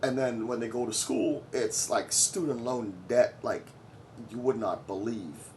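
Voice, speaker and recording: A man's voice: mid-range voice, a little slow, darkish tone, a little hiss or hum. A man in his forties from Trinidad and Tobago, giving blunt, boastful opinion commentary to his viewers. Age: 40s. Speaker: vlogger.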